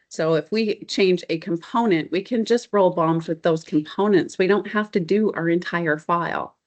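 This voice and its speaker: A middle-aged woman with a lowish voice works as a consultant presenting a software demo. She explains the features in an informal, enthusiastic, conversational way.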